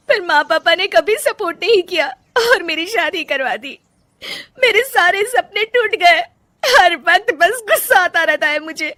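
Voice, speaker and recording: A woman voicing an unhappy young wife who speaks high and strained, often close to sobbing. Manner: sharp, high and strained, breaking into sobs.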